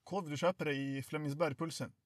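Young man with a husky voice. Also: on the high side, fairly even intonation, dry recording, clean studio sound. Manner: teasing, backchannels, slangy. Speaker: friend listening. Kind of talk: casual chat.

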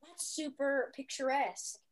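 A woman with a high-pitched voice and a Southern American accent hosts a casual chat. She speaks emphatically, in loose, unguarded everyday phrasing. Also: measured pace. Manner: emphatic, swearing freely. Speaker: host.

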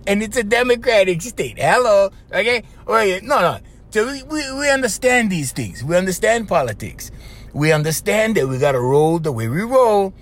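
Hawaiian pidgin guy hosting a podcast, high voice that bounces all over, laughs a lot. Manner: animated, laughing, repeats himself. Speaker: podcast host. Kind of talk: casual chat.

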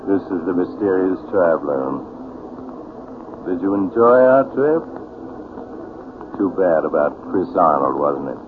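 An actor playing a sinister but genial teller of eerie tales in 1940s radio style, insinuating and deliberate. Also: male voice, low voice, animated. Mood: sly, eerie. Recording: tinny, noisy old radio broadcast.

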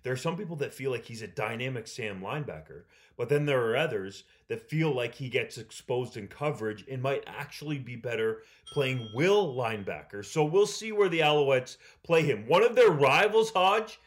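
Measured male sports analyst. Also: mid-range voice, expressive. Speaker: sports show co-host.

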